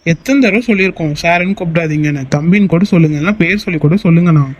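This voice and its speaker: A man voicing a young male boss in an animated short, speaking in a firm but reassuring way. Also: on the high side, very fast, lightly acted. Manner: firm then soothing, reassuring tone. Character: young male company boss, calm and kind. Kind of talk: Tamil animated short voice acting.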